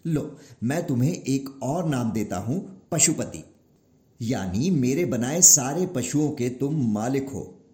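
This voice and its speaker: A weary old creator god, as a male storyteller voices him, pleading and exasperated, his lines sliding up and down with feeling. He speaks unhurriedly and a little lower than the narration. The room gives the voice a noticeable echo. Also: expressive, slow, dark tone.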